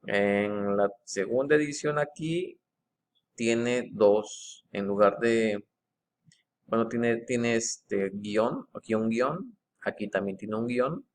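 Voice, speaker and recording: A man slowly walks through a text line by line, stopping to reread passages and point out small wording changes. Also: mid-range voice, fairly bright tone, a little hiss or hum. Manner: slow, methodical, stops to reread passages. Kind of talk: screen-share walkthrough.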